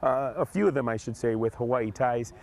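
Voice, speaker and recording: A man field reporter delivering a live report outdoors at a golf course, speaking in a hushed on-site voice. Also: medium pitch, brisk, creaky.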